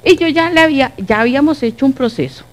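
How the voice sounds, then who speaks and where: Woman, Costa Rican accent, middle-aged, church testimony, animated storytelling, acts out dialogue. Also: high voice, quick pace. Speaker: church speaker.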